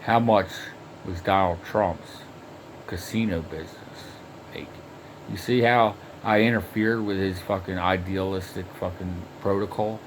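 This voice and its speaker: A man drawls through a long personal story at an unhurried crawl, and nearly every sentence carries a curse word. He stumbles, repeats himself and circles back, filling the gaps with "uh" and "like". A faint hum of background noise sits behind his voice. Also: low-pitched, steady tone. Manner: heavily profane, rambling, with frequent restarts and fillers. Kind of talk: rambling first-person story monologue.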